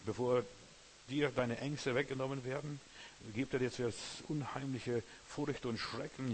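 Male preacher with a mid-range voice, delivering a sermon in direct address and steady repeated phrasing, faint hiss behind. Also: medium pitch.

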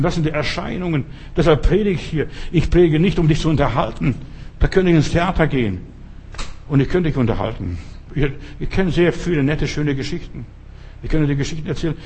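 A man's voice: medium pitch, a little mellow, slightly rough. A male pastor preaching a sermon in an emphatic way, often asking the listener directly.

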